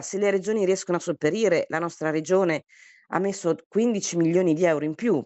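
A hoarse official explaining budget matters with measured care and frequent pauses to hunt for words. The voice sits at a middling pitch and comes through a dull, muffled line. The sound is close and dry, with no room around it. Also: darkish tone, dry recording. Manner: measured, with frequent hesitation fillers. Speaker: regional councillor. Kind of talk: policy explanation in an interview.

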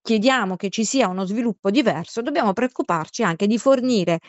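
A woman speaks earnestly as an interviewee, laying out her argument step by step and leaning on fillers as she reaches for words. Her voice sits at a middling pitch. The sound is dry and close, with a dull, slightly lo-fi tone. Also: a little fast, no room sound. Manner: earnest, explanatory, with frequent fillers and restarts. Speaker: interviewee on local planning. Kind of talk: interview answer.

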